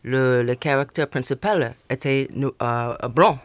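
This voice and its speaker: A man, a native English speaker, discussing literature as a panel guest in halting, foreign-accented French with English words slipped in. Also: mid-range voice, dry recording.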